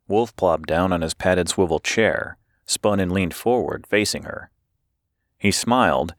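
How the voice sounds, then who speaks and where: A man with a very low voice reads an audiobook in a steady, measured way. The recording is dry and close to the mic, with no room sound. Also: no echo. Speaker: audiobook narrator. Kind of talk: scripted audiobook narration.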